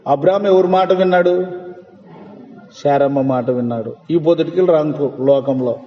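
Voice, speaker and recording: A high-voiced male pastor preaches with emphasis, firing questions at his congregation. He sounds like he is in a large church hall, his voice ringing with long reverb. The recording is dull and muffled. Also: normal speed. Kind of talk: sermon.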